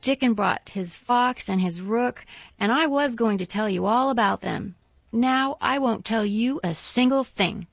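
A fierce, obstinate little girl, voiced by a woman reading aloud, her voice pitched high and pushed loud with stubborn sourness. She snaps back sharply in a storybook scene. The sound is dull and dry, like a lo-fi booth. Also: measured pace, gravelly, dry recording. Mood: sour.

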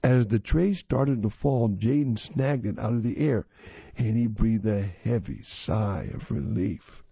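A man reading magazine stories and articles aloud in a steady, measured way. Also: on the low side, husky, no echo. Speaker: magazine reader. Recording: dull lo-fi recording.

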